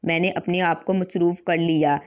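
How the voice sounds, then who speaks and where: A woman storyteller giving an earnest, steady scripted narration, in a slightly dull recording. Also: fairly low pitch.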